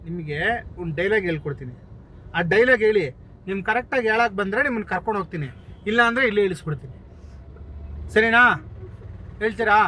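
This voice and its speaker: High bright-voiced man coaxing in a car. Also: animated, fast talker, long pauses, a little hiss or hum. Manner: coaxing, pushy, teasing. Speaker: prankster. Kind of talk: hidden-camera prank talk. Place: inside a car.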